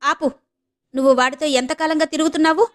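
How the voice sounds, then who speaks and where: A sharp-tongued, stern mother of grown daughters, put on by a woman reading an audio novel. She rebukes in a fairly high voice. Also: fairly even intonation, fast, lightly acted. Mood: angry. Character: stern scolding middle-aged mother.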